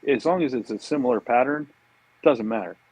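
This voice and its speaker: An American man who markets for the fishing industry chats as a podcast guest, laid-back and informal, repeatedly using agreement words. His medium-pitched voice is brisk, husky and a little mellow, with no room sound but a rough recording.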